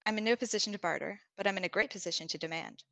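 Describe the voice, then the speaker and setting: A woman's voice: mid-range voice, racing, gravelly, fairly bright tone, no room sound. A woman reading the lines of a confident, cool male time-traveling pirate in a short story, with no real character voice. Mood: smug. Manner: read plainly with little voice change.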